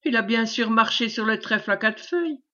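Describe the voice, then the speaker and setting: An outspoken country farmer's wife, read by a woman who is quick to take offence and quick to laugh. The voice is fairly high. The recording sounds dull. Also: sharp tone.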